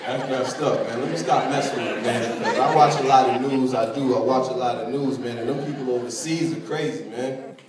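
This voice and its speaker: A man's voice: mid-range voice, steady tone, brisk, recorded from a distance. A male stand-up comedian riffing loosely with the crowd on a club stage. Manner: loose, rambling crowd banter. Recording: echoey stage mic, roaring crowd.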